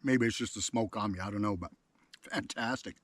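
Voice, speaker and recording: A man's voice: on the low side, fairly quick, a bit bright, dry recording. A man cooking over a campfire outdoors by a lake, talking enthusiastically through a casual cooking vlog. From Canada. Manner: enthusiastic, talks with mouth full while tasting.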